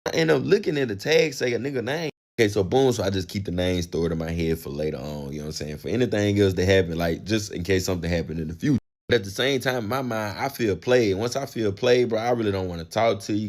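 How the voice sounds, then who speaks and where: A young man telling a casual, profane dating story in slangy, animated speech. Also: on the low side, fast talker.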